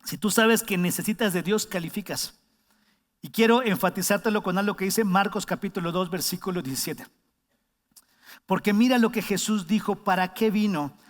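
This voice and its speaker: A man preaching a sermon, talking conversationally and often asking the congregation questions. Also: high voice. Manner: conversational, asks the congregation questions, acts out shouted warnings. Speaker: pastor. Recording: long hall reverb.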